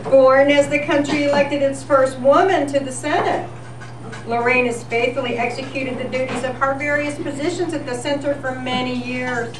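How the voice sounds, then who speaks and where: A woman hosting a live radio-themed tribute show reads scripted announcements in the style of an old-time radio newscast. Her voice sits high, with fairly even intonation and a moderate pace. The recording comes from a distant, echoey, noisy live event.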